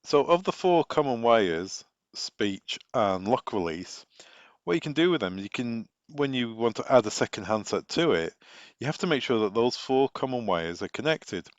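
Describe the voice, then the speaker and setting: With a mid-range, sing-song voice at a moderate pace, a man teaching technical material walks through wiring diagrams and emphatically repeats the main points. The audio is dull and echoes in the room.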